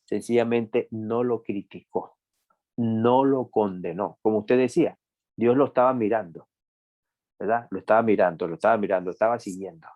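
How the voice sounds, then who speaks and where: A man pastor reviewing a Bible study lesson in a conversation, animated and full of hesitations and restarts. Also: lowish voice, moderate pace, phone-quality sound. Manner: animated, acts out everyday people in anecdotes.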